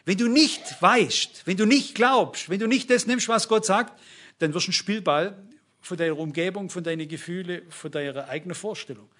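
A man's voice: high-pitched, moderate pace, fairly bright tone. An older man preaching a sermon, emphatic and speaking directly to his congregation.

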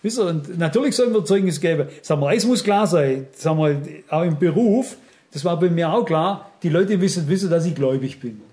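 A man's voice: a little high, animated, fairly quick, mellow. A middle-aged man preaching a sermon, earnest and emphatic, speaking straight to his listeners.

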